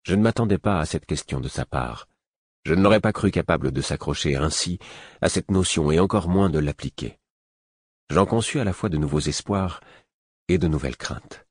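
A man narrates a first-person fantasy novel in a very low, husky voice. His delivery is measured and even. The close, dry recording has no room sound. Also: no room sound. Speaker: audiobook narrator.

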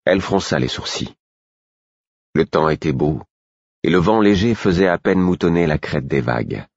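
A man reads a novel aloud in the first person, his voice sitting extremely low and husky. His delivery is measured and introspective. The recording is dry and slightly dull. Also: expressive, no echo. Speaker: audiobook narrator. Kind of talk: scripted first-person narration.

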